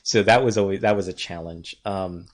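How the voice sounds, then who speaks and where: A man's voice: low voice, moderate pace. A man who co-created and voiced a web series, chatting casually on a stream with lots of ums and restarts. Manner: lively, hesitant with many ums. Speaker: co-creator and voice actor.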